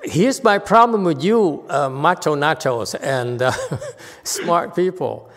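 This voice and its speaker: A man's voice: on the high side, lively intonation, takes it slowly, a bit bright, long reverb tail. A man teaching a Buddhist class, teasing and blunt with his students and laughing often. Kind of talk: Dharma class teaching with banter.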